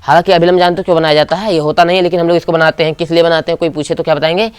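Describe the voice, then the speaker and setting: A man's voice: on the high side, little pitch movement, racing, clear, resonant tone. A man teaching a physics class, asking the students short questions and repeating key terms. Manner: call-and-response questioning. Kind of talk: classroom lecture.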